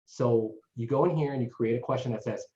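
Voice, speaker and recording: A man's voice: medium pitch, a little fast, warm tone. Man, consultant running a webinar, chatty, roomy echo, dull lo-fi sound. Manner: chatty, tags sentences with "right?". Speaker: marketing consultant presenter. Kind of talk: casual webinar teaching. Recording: echoey dull lo-fi online call.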